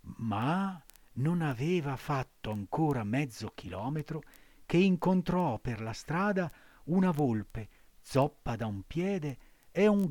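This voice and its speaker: Guy reading a storybook slowly, really expressive, lively pitch, dry close sound. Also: no room sound. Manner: slow, expressive. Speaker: audiobook reader. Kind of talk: storybook narration.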